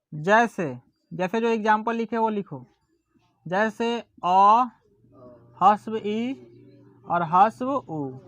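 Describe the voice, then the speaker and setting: A teacher giving a grammar lesson, dictating definitions slowly, repeating words and checking that students follow. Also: medium pitch, dry recording. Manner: slow and deliberate, repeats words and checks understanding; drawls vowels aloud as examples.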